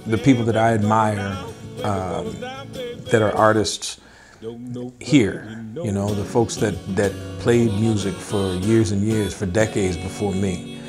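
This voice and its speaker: A middle-aged man, a blues musician, speaking in an unhurried, thoughtful interview with many small pauses. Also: on the low side, fairly even intonation. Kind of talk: relaxed interview talk. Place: indoors, wood-paneled room, seated at a table. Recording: interview with guitar music mixed underneath.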